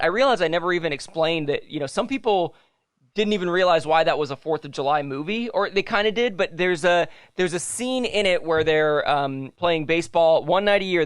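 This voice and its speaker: A young man in easy podcast chat, his voice sitting a touch high. He rambles, catches his own slips and laughs along the way. The sound is dry and close, with no room around it. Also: clean tone, no room sound. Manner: rambling, self-correcting, laughs often. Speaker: podcast co-host. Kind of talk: casual chat.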